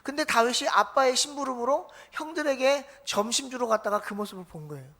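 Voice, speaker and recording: A woman's voice: on the high side, brisk, a bit bright. A woman pastor preaching a Sunday sermon in a church, putting questions to the congregation and answering them herself, and acting out the voices of the people in the story. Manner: acts out quoted voices of biblical figures. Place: church sanctuary.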